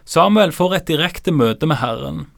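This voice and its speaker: Guy doing bible commentary, calm and explaining things, mid pitch, dry sound. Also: gravelly, dry recording. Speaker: Bible teacher. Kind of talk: scripture commentary.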